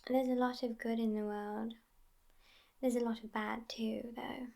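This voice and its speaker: Voicing a sassy but loving immortal vampire girlfriend for ASMR roleplay, a woman keeps her fairly high voice low and frequently whispers. Her languid, even, unhurried delivery has a gravelly creak at the edges and a tender, reassuring mood.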